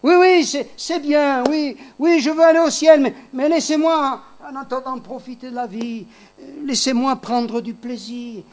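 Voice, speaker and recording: Man voicing a carefree pleasure-seeker, breezy and dismissive, pitched high. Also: fairly even intonation, measured pace, a little mellow. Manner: breezy, dismissive, repeating himself. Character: carefree man putting off faith to enjoy life.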